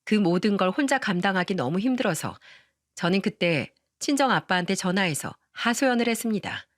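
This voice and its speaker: A woman's voice: medium pitch, animated, a little fast, dry recording, clean studio sound. A woman narrating a dramatized radio story in the first person, emotional and plain.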